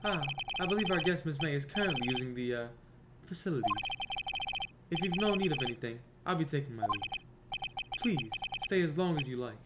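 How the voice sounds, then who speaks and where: A man's voice: a little high, expressive, brisk, very noisy, close to an everyday voice. A man voicing a polite, formal male hotel bellboy in a put-on accent while playing a video game. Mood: courteous. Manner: stiff, courteous put-on accent.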